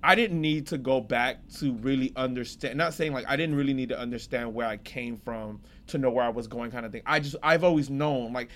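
A man's voice: mid-range voice, brisk, few pauses, slight background noise. A young American man co-hosting a podcast, telling rambling stories in casual chat. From United States. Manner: rambling, animated storyteller. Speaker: podcast co-host.

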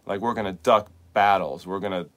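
A man's voice: deep voice, fairly even intonation, brisk, fairly bright tone. A middle-aged man, a tennis coach hosting a podcast, talking in a casual, rambling monologue full of repeated words and "like.".

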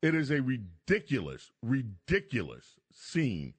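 Lively, teasing male talk radio host. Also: mid-range voice, a little slow, breathy edge, no room sound. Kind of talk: news commentary and banter. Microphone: close studio radio microphone.

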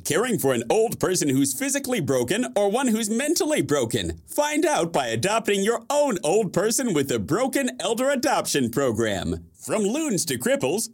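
A callous, upbeat male announcer in a parody radio commercial. His high voice swoops widely as he makes his sales pitch. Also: full character voice.

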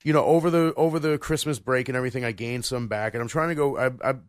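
A man in his thirties chatting on a podcast, with a middle-pitched voice. He rambles and restarts his sentences often, leaning on fillers. The sound is close and dry, with no room around it. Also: quick pace, no echo. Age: 30s. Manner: rambling, full of restarts and "you know". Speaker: podcast co-host. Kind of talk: casual chat.

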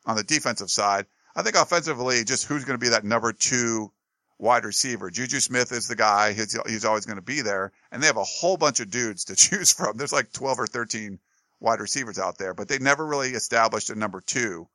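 Guy talking college football, bright tense voice, lots of ums and restarts, dry room. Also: mid-range voice, brisk, dry recording. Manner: rambling, many fillers and restarts. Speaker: sports talk show co-host. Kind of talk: casual sports chat.

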